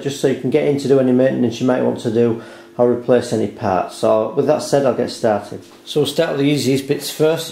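Gravelly yet mellow, this man's mid-range voice carries a careful, unhurried, step-by-step repair tutorial recorded at a dining table indoors at home. Expect a roomy echo along with background hiss and the occasional handling click.

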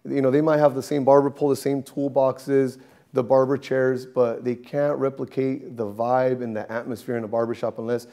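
A man's voice: medium pitch, moderate pace. A man in his thirties, a barber, telling stories in a documentary interview inside a barbershop. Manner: animated storytelling, gesturing.

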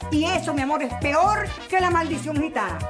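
A woman's voice: high voice, expressive, fairly quick. An actress playing a brash, feisty middle-aged mother who brags colloquially, in a comedy telenovela. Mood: gleeful. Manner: brash, colloquial, gleeful bragging. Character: brash, feisty mother boasting after a brawl. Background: music.

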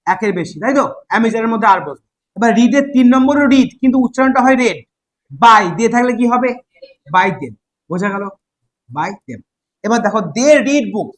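A man's voice: extremely high pitch, poor audio. A man with a Bengali accent teaching an English grammar class, drilling students with repeated questions.

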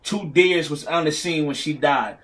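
A man's voice: a little high, normal speed, a bit bright. A man giving casual, mocking commentary on battle rap clips, mimicking the words he repeats.

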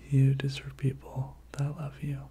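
A person giving a whispered pep talk in soft, breathy ASMR style, repeating short encouraging phrases. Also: medium pitch, monotone, a little slow, slight background noise.

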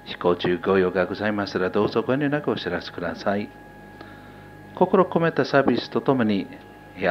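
A man working as a flight attendant, reading a formal announcement over an airliner's cabin loudspeaker, with small slips. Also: medium pitch. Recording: muffled PA with faint cabin hum.

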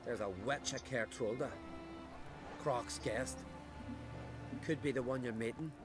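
An actor playing a brash island brawler in a video game who talks bluntly and taunts with folksy, old-fashioned speech. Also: male voice, medium pitch, fairly even intonation, a little slow, natural voice. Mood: gruff. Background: game music.

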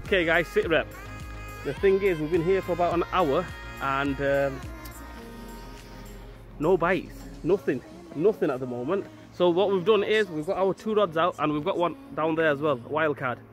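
A man in his thirties talks excitedly to a camera held at arm's length, keeping up a chatty running commentary. His voice sits a little high for a man. Clear background music plays under him. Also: moderate pace. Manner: chatty, excitable, says "right?" and "let's go" often. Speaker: vlogger. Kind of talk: casual vlog to camera. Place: car, outdoors in town and by a river, shop. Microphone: phone or action camera held at arm's length.

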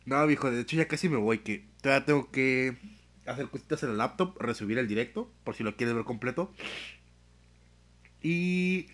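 Young mexican dude streaming, talks loose and slangy, cusses a lot, middle-pitched voice. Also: male voice, moderate pace. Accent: Mexican Spanish. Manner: slangy, swears freely, animated storyteller. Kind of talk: casual live-stream chat.

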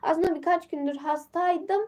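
Greeting each viewer by name, a teenage girl reads comments aloud during a relaxed phone live stream. Her high voice is strained and nasal from a sore throat and blocked nose, yet her intonation stays fairly even, her speed normal, and her tone slightly mellow.

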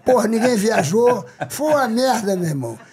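A man, hosting a casual podcast chat in an excitable, slangy way full of swearing. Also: high voice, moderate pace, over a noisy crowd. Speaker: podcast host.

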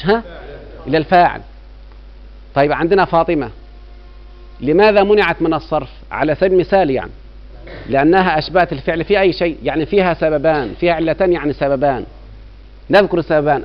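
A middle-aged man with an Egyptian Arabic accent teaching grammar, constantly asking his students whether they follow. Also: high voice. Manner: keeps quizzing students with rhetorical checks. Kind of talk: classroom lecture. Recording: dull lo-fi recording.

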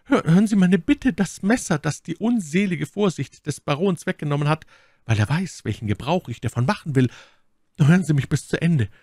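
A man's voice: a little high, lively intonation, normal speed, a little mellow, dry recording, clean studio sound, voice pushed up. A man reading an audiobook, voicing a desperate, scheming young noblewoman prisoner who pleads fervently and theatrically. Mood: pleading.

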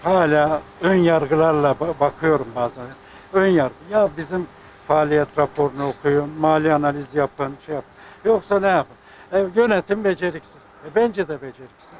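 A man's voice: a little high, a little mellow, slight background noise, low-quality recording. An older man speaking as a sports club president, making an indignant, rambling statement. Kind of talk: press statement.

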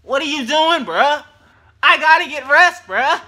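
A man's voice: very high voice, expressive, a little slow, pushed and bright, pitched above the performer's own voice, full character voice. A man voicing his own sore muscles as a whiny dude nagging him to sleep.

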